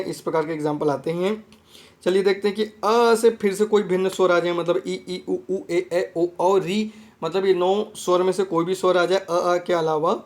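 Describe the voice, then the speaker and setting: High-voiced man teaching an exam-prep lesson. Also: a little mellow. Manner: repetitive, checks understanding with "theek hai friend".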